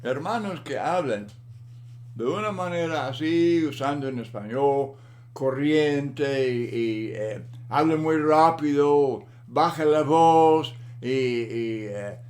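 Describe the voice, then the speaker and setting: Man, Bible lesson sermon, deliberate, repeats for emphasis, fairly high voice. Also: darkish tone. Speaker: Bible teacher.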